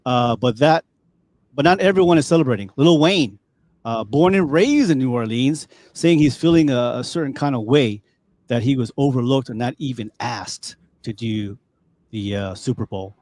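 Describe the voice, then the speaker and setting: This man hosts a podcast and speaks with a Californian accent, his mid-range voice moving at an ordinary pace with no echo. The talk is loose and easygoing, wandering along with plenty of fillers and false starts.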